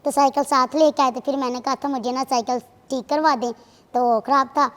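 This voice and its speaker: A woman's voice: sits high, steady tone, a little fast, fairly bright tone. A young woman speaks as a TV guest, chatty and earnest. Her voice rings with a long reverb from the studio. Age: 20s. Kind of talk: casual interview talk.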